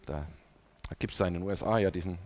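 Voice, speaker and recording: A man preaching a sermon, reading scripture aloud and speaking directly to his congregation with lively emphasis. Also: low voice, fast talker, big-room sound.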